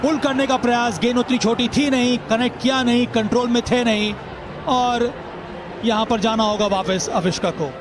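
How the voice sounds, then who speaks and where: A man giving live cricket commentary with excited, emphatic calls. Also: very high-pitched, moderate pace. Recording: noisy stadium crowd behind commentary.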